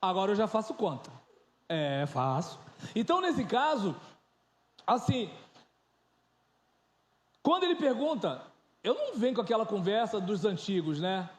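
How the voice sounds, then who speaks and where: A man in his thirties preaching an informal, joking sermon, swinging between loud and soft. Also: high-pitched, sing-song, a little slow, pauses often, echoey room. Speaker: pastor.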